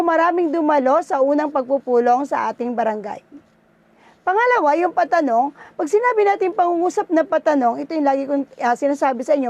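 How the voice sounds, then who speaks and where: A woman's voice: high-pitched, a little mellow. A woman teacher with a Filipino accent, giving a lesson and checking in with her pupils with frequent "no?" and "okay?". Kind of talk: online class lesson.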